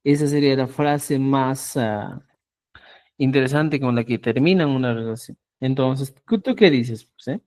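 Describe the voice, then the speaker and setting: A language teacher giving a class, repeating example phrases slowly and checking understanding with frequent "¿ya?". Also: mid-range voice, darkish tone. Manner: spells out example phrases syllable by syllable. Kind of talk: online class lecture.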